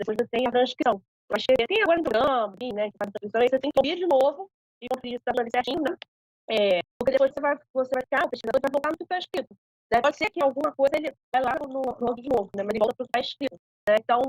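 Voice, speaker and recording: Quick, hesitant woman moderator. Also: on the high side, a little mellow, husky, no echo, low-quality recording. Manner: hesitant, many fillers and tag questions. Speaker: seminar moderator. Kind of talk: online academic discussion.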